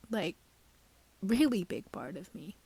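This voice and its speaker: A woman's voice: medium pitch, very animated, slow, dark tone, slightly rough, no room sound. A woman talking casually and emotionally in a personal vlog, tearful and full of fillers. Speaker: vlogger.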